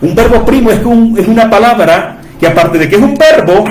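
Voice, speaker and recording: A man's voice: high-pitched, brisk, darkish tone, reverberant, a little hiss or hum. A man teaching from the Bible to his listeners, repeating key words and asking rhetorical questions for emphasis. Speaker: preacher.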